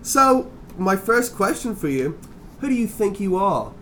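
A man's voice: high-pitched, very animated, unhurried, bright, forceful tone, a little hiss or hum. A man with a campy drag-queen persona hosting a casual podcast chat, effusive and freely swearing, calling people darling. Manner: freely profane. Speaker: podcast host.

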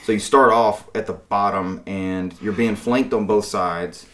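Low-voiced man chatting about games. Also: measured pace. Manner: rambling, storytelling with quoted asides. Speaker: podcast host. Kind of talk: casual gaming chat.

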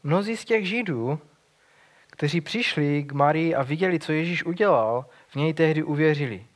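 Earnest man preaching, slightly high voice. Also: lively intonation. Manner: earnest, conversational, with frequent restarts and fillers. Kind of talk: sermon retelling a gospel story.

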